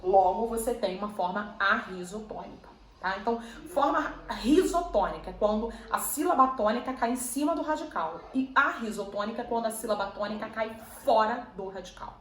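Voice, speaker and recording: A woman's voice: a little high, a little fast, hardly any pauses, a bit bright. A woman teacher gives a grammar lesson, explaining patiently and checking in with her listeners. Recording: echoey room, faint ambient noise.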